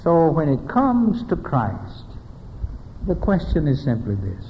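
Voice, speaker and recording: An older man preaching a sermon, telling stories with deliberate pauses and ending in prayer. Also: on the high side, wildly swooping pitch, a little hiss or hum. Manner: storytelling preacher, dramatic pauses, closing prayer. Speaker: pastor. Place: church sanctuary. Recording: dull lo-fi recording with long church reverb.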